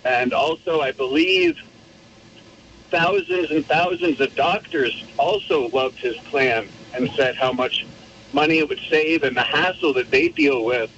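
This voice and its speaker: A man from Vermont calling in to a radio show over a clipped phone line, asking his question in a hesitant, halting way. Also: medium pitch, fairly bright tone. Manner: hesitant, halting with many pauses. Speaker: radio call-in caller. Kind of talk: casual call-in question. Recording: muffled phone line, faint hiss.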